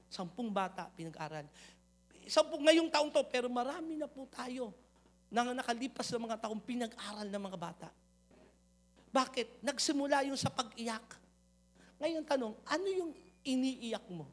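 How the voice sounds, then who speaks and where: A man, a pastor preaching a sermon, moving from loud calls to the congregation to quiet, personal storytelling. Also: very high voice, animated, moderate pace. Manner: switches between loud appeals to the congregation and soft storytelling.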